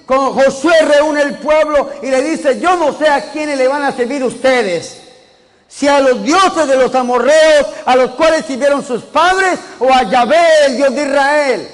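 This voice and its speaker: High-voiced preacher in an echoing hall. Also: male voice. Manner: calls the congregation to repeat and answer, building to shouts. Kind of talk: preaching a sermon. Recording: long echoing reverb of a big hall.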